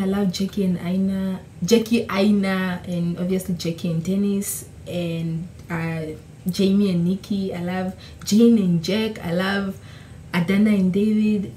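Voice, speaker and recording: A young Namibian woman whose first language is Oshiwambo answers questions in a casual, chatty YouTube vlog, laughing and correcting herself. Her voice is medium-pitched and a little mellow. She sits facing the camera in a small, echoey room at home, with faint hiss on the recording.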